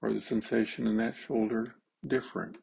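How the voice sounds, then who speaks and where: A man leading a slow guided meditation, halting, with long pauses and simple phrasing. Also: fairly low pitch, flat delivery, gravelly, a little mellow, breathy edge, poor audio.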